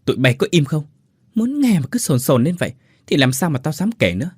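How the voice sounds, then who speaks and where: Guy doing a bossy teary factory woman, husky. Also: fairly high pitch, sing-song, fairly quick, no room sound, clean studio sound, pitched above the performer's own voice. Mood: scolding. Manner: bossy, scolding, then choked up. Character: blunt tearful female factory worker telling a tale.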